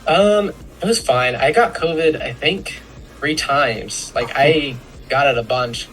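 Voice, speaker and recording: A man's voice: medium pitch, slow, a bit bright, rough recording. Young male student, casual, no-frills delivery. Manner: casual, plain-spoken. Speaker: student interviewee. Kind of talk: casual interview answer.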